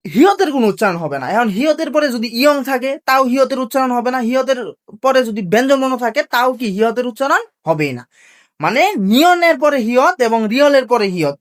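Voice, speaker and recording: A language teacher with a mid-range voice drills pronunciation rules slowly and carefully in a classroom-style video lesson. Questions drive the explanation: the teacher asks rhetorical ones, answers them, and repeats the main points.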